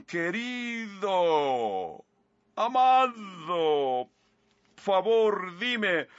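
A preacher voicing a pleading, seductive woman in a high, drawn-out falsetto, on a slightly muffled recording. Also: very animated, no echo, heavily acted.

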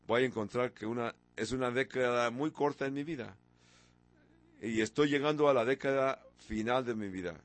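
A preacher in his sixties, from a foreign country that was once ruled by an emperor, gives a sermon in a mid-pitched voice with no echo. He links rhetorical questions one after another, stresses key words with sudden rises, and at times slows to a deliberate crawl.

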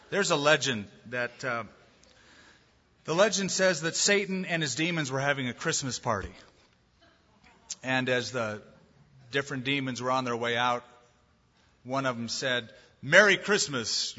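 Husky-voiced male pastor preaching. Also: medium pitch, measured pace, pauses often, sharp tone, in a large hall, muffled recording. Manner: emphatic, with rhetorical questions to the congregation. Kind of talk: sermon and closing prayer.

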